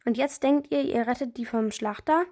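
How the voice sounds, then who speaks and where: A woman's voice: normal speed, a little mellow. A woman reading aloud, voicing a hesitant adult neighbor woman in a children's story. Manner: hesitant, slightly lower.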